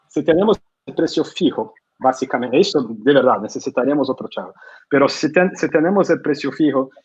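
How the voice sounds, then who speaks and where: A publishing consultant from Brazil, invited to speak at an online conference, responds in Spanish with a Brazilian Portuguese accent. He has a mid-range, slightly mellow, slightly rough voice and halts often, using many fillers and restarts. The sound quality is lo-fi.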